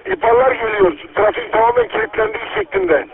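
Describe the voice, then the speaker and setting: Police dispatcher, man, police radio, high and gravelly, thick static. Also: animated, a little fast, phone-quality sound, a crowd in the background. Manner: urgent formal radio reports. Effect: police radio transmission. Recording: crackly radio with heavy static.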